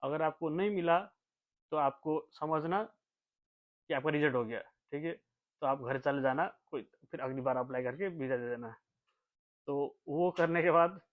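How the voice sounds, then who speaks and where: Young man from Nepal, rambling storyteller. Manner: rambling, repeats himself, talks low when quoting others. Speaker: vlogger. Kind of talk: casual storytelling. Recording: tinny phone-like sound.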